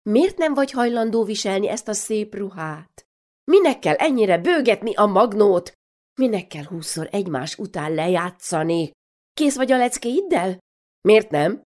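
A woman reading aloud, voicing an exasperated mother who scolds her daughters with rapid-fire nagging questions. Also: mid-range voice, a little mellow, voice pushed up, natural voice. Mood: scolding.

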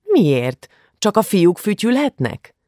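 A man's voice: high voice, huge pitch swings, mellow, no echo, studio quality, voice pushed up. A man voicing a sulky little girl. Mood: pleading. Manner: pleading, then sulky. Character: young girl, sulky and jealous.

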